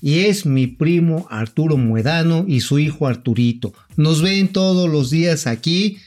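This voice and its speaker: A man's voice: on the high side, animated, a little slow, darkish tone. A man with a Mexican accent co-hosting a casual news chat, joking and teasing in slangy speech. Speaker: co-host.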